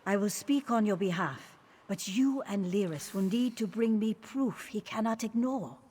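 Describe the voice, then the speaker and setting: An actress voicing a dignified, shrewd fantasy queen in a video game, speaking in a formal, deliberate manner. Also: medium pitch, warm tone, husky. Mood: grave, measured. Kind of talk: video game character dialogue.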